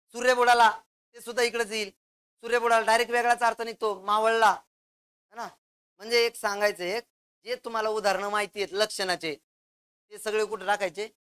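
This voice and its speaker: A male teacher giving a classroom grammar lecture, explaining step by step with examples and firing quick questions at the class that he answers himself. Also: high-pitched, a bit bright, clean tone.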